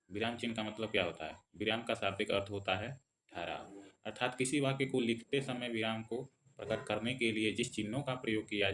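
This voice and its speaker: A man teaching a grammar lesson, explaining each point twice and slowing down for the examples. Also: on the low side, fairly bright tone, slight background noise.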